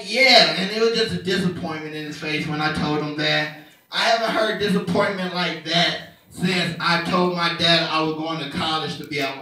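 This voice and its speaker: A young man performing a stand-up comedy set, animated and jumping into characters' voices. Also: heavy reverb, recorded from a distance, rough recording. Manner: animated, acts out characters with pitch jumps. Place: comedy club stage. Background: audience laughter.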